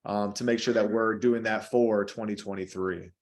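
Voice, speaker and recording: A man's voice: fairly low pitch, fairly even intonation, moderate pace, darkish tone. A man on a video call, talking casually with many fillers and restarts. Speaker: call participant.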